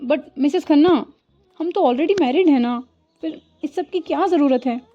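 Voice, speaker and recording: A woman voicing a playful, teasing young bride who speaks in a lively way. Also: high-pitched, measured pace, lo-fi sound, voice pushed up. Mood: protesting.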